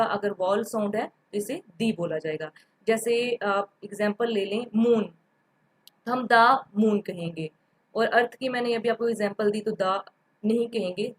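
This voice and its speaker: A woman's voice: medium pitch, poor audio. A woman giving a patient, step-by-step grammar lecture, repeating examples and mixing in English terms. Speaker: teacher.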